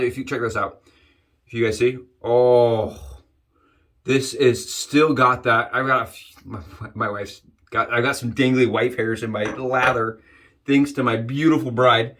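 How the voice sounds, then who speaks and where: A man's voice: mid-range voice, a bit bright. A middle-aged man hosting a shaving vlog, chatting to camera in an enthusiastic, rambling way with frequent exclamations. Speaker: wet shaving channel host. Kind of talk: casual chat to camera.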